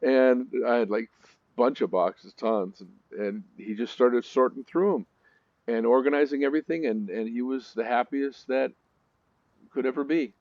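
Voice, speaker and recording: A man's voice: medium pitch, normal speed, darkish tone, no echo, muffled recording. A man hosting a let's-play gaming video, telling stories in a chatty way with nervous asides.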